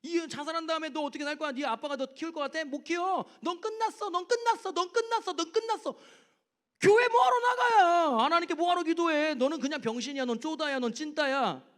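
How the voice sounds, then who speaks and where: A man's voice: very high-pitched, steady tone, racing, hardly any pauses, a bit bright, pitched above the performer's own voice. A man voicing a cruel male devil who jeers and mocks. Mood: jeering. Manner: mocking, jeering insults.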